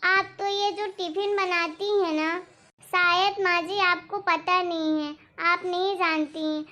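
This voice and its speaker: A woman's voice: very high voice, fairly even intonation, takes it slowly, pushed and bright, full character voice. A woman voicing a proud, modern young daughter-in-law in a cartoon, who talks in a dismissive, smug way. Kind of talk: cartoon voice acting. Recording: dull lo-fi recording.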